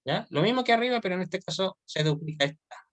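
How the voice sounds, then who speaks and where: A man's voice: high-pitched, lively intonation, fast talker, a bit bright, dry recording. A man teaching an online Hebrew grammar class, explaining step by step and often checking that students follow.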